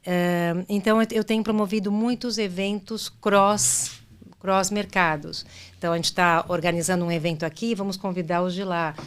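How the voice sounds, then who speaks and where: A middle-aged Brazilian woman with a fairly low voice talks through her career as an interview guest. She speaks thoughtfully, restarting her phrases and checking in with the listener as she goes. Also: steady tone, normal speed, clear, resonant tone. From Brazil, daughter of Argentine parents. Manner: thoughtful, with frequent restarts and "né?" tags. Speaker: guest, business executive. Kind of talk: conversational interview answers.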